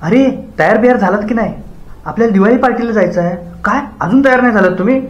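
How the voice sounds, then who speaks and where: A man's voice: sits high, echoey room, lo-fi sound, natural voice. Figure: a man doing an impatient party-going friend. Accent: Marathi. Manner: brisk, impatient. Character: hurried young friend rushing others to a party.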